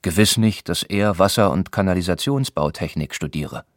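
Deep-voiced male audiobook narrator. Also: moderate pace, no echo, studio quality. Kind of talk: scripted narration of a novel.

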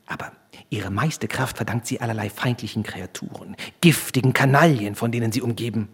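Dreamy unhinged young student, rapt and fervent, a man voices him, husky. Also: mid-range voice, a little fast.

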